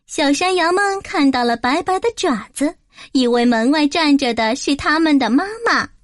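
Brief: female storyteller for children, high voice, dry close recording. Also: moderate pace, no echo.

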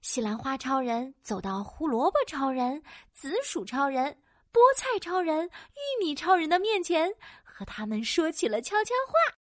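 A woman narrating a children's audio story in a playful, animated way with sound-effect words. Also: high-pitched, unhurried, no echo, clean studio sound.

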